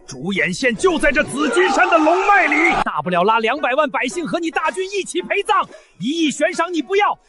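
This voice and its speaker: A man voicing a ruthless old villain in a motion comic who gloats over his hidden powder. The voice is high and bright and swoops theatrically. Every line drips with sneering menace. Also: exaggerated voice.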